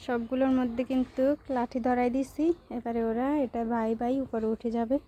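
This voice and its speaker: A young Bangladeshi woman chatting to her viewers while she works in her village garden, rambling and casual, sometimes slow and soft. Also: on the high side, little pitch movement, lo-fi sound, background noise. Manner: speaks slowly and softly on purpose at times. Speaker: village vlogger. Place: outdoors in a village vegetable garden.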